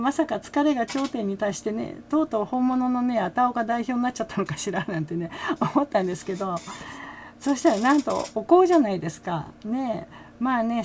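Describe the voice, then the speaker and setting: A middle-aged woman talking casually about a concert, full of fillers and soft laughs. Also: on the high side, vocal fry, a little hiss or hum. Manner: chatty, many fillers, frequent soft laughs. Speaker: fan reaction vlogger. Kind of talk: casual commentary.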